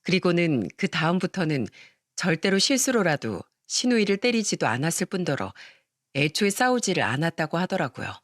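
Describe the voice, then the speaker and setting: A woman narrating a first-person family story in a storytelling radio show, in an even, confiding way. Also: on the low side, fairly quick, no echo, clean studio sound.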